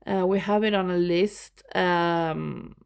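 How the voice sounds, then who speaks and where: Speaking slowly in a fairly low, resonant, clear voice with vocal fry and fairly even intonation, a Swedish woman presents her movie shelves at home. Her English carries a Swedish accent, and the chatty show-and-tell is punctuated by plenty of laughter.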